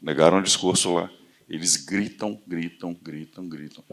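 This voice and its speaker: A Brazilian man speaks with a very low, gravelly voice. He tells stories at a live event in a casual way and acts out the people he quotes. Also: normal speed. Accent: Brazilian Portuguese. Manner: animated storytelling, acting out quoted voices. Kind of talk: conversational talk at a live event.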